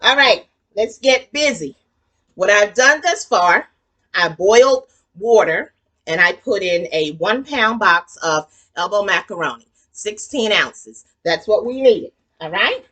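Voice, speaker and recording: A woman's voice: mid-range voice, animated, measured pace, bright, forceful tone. Chatty Southern woman in her sixties. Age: 60s. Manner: chatty and folksy, calls viewers honey and child. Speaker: cooking show host. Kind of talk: casual cooking demonstration. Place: home kitchen.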